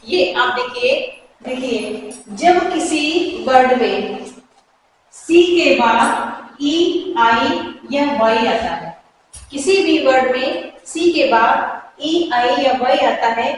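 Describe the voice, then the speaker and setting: High-voiced woman teaching in an echoey room. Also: lively intonation, slight background noise. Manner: slow, repeats example words with care. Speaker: English teacher. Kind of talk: Hindi-medium pronunciation lesson. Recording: echoey room, mic far off.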